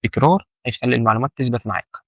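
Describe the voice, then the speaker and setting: A man's voice: mid-range voice, very fast, no room sound, muffled recording. A man with an Egyptian Arabic accent teaching an informal lesson, repeating key points and asking the listener questions. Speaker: medical terminology instructor.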